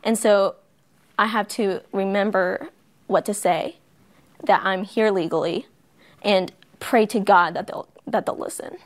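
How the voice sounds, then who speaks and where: A woman's voice: mid-range voice, fairly even intonation, measured pace. A young woman from Guatemala, a student panelist, telling her own experience in a heartfelt way. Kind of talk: panel discussion.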